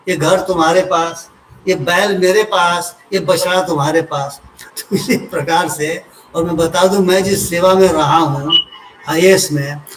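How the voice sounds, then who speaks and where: An older man from Uttar Pradesh, a retired civil servant, explaining a topic in an unhurried lecture with homely examples and personal asides. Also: high voice, a little hiss or hum. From Uttar Pradesh, India. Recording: roomy echo from a distant mic.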